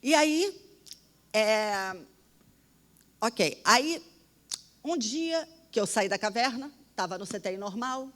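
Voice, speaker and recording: A woman telling a personal testimony in an animated, dramatic way, often dropping to a hushed voice. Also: mid-range voice. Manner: animated, dramatic storytelling with sudden drops to a hush. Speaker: storyteller.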